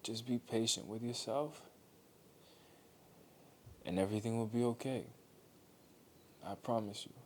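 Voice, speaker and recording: A man giving a heartfelt motivational monologue, earnest and gentle, repeating phrases for emphasis. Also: medium pitch, steady tone, unhurried, pauses often, a little hiss or hum. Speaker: motivational speaker.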